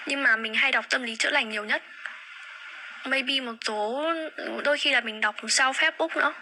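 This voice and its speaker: Livestreaming from her phone, a young woman talks casually in a fairly high voice, repeating words as she hunts for the right ones. Steady background noise runs under the low-quality recording.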